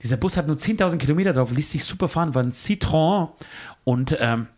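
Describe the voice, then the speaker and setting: Podcast co-host, man in his forties, fast rambling confession anecdotes with casual swearing. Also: fairly high pitch, lively intonation, a little mellow. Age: 40s. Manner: rambling storyteller, swearing, acts out both sides of phone calls.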